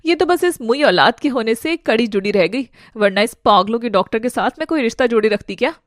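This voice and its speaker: A woman's voice: a little high, lively intonation, brisk, dry recording, clean studio sound, lightly acted. A woman voicing a cruel, scornful ex-wife in an audio drama, sneering and hurling insults. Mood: mocking. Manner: sneering, abusive, shouting insults.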